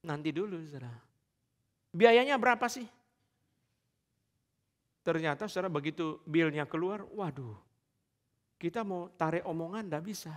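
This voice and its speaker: A male pastor preaches a sermon in a high voice, emphatic and keeps turning to address his congregation. His voice carries a long reverb from a large church hall. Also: normal speed.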